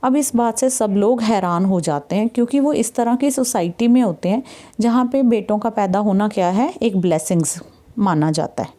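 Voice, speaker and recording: A woman's voice: mid-range voice, dark tone. A woman with an Indian accent teaching an English textbook chapter, patiently explaining and often checking that students follow. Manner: patient, repeats "ठीक है" to check understanding; reads English passages slowly and deliberately.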